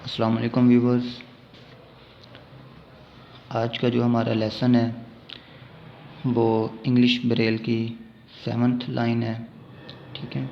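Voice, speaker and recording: Gravelly man teaching with Pakistani accent. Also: medium pitch, monotone. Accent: Pakistani Urdu. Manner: explains step by step, often checks in with a quick "theek hai". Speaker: braille teacher. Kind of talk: spoken lesson. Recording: dull lo-fi recording with faint noise.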